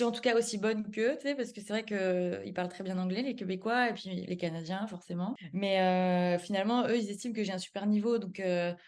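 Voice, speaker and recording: A woman's voice: mid-range voice, a little mellow. Young woman, French accent, casual chat, lots of fillers, easy laugh. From France. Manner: chatty, many fillers and self-corrections, laughs easily. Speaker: guest, public relations adviser.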